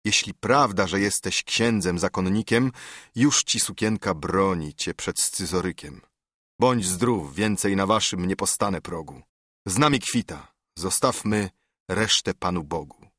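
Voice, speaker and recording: Guy reading a stern stubborn old steward, blunt, husky low voice. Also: lively intonation, measured pace, fairly bright tone, dry recording, studio quality, full character voice. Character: stubborn older male steward, blunt, proud. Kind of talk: audiobook reading of verse.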